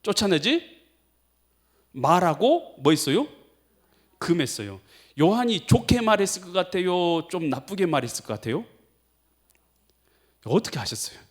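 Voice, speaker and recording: Animated male pastor quizzing his congregation. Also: sits high, normal speed, pauses often. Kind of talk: sermon.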